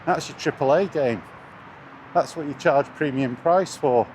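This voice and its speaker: The clip has poor audio, with street and car noise in the background as a British man walks along near traffic. His voice sits on the high side, a little slow and slightly mellow, as he rants bluntly and contemptuously, swearing freely in his role as a gaming vlogger.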